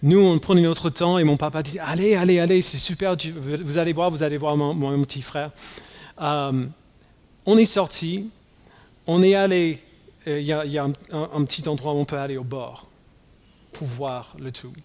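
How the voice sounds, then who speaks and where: Halting, high-pitched male preacher in a hall. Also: fairly even intonation, a little mellow. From United States. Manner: halting, many fillers and restarts. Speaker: pastor. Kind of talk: sermon. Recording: long hall reverb.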